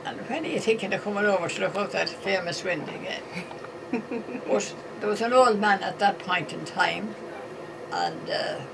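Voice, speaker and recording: A man's voice: high voice, a little fast, creaky. A man with an Irish accent tells folksy, rambling comic stories in casual conversation, acting out the dialogue as he goes. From Ireland. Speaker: storyteller telling jokes. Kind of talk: casual anecdotal storytelling. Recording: noisy amateur recording with steady hum.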